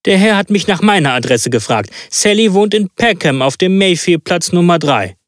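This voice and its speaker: A man's voice: sits high, expressive, normal speed, no room sound, studio quality, voice pushed up. A man voicing an anxious, talkative old woman in a storybook reading, rambling in fussy bursts. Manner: rambling, fussy, breathless chatter.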